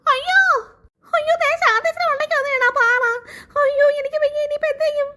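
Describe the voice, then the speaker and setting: Brief: a panicky cartoon mom, very high and bright, rattling out her lines. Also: expressive, full character voice. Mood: panicked. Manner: shrill, rapid panicky exclaiming. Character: excitable, easily frightened mother. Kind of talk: cartoon voice acting.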